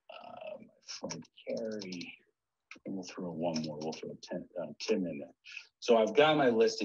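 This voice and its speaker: A man's voice: low-pitched, a little hiss or hum. A man presenting a webinar, walking viewers through a screen-share tutorial in a friendly, step-by-step way over a computer mic. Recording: dull lo-fi webinar audio.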